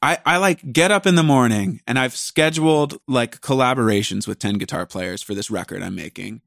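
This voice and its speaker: A man's voice: medium pitch, fairly quick, gravelly, fairly bright tone, no room sound, studio quality. A man hosting a podcast, talking casually in a rambling, self-deprecating way that jumps between thoughts. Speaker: podcast host and musician.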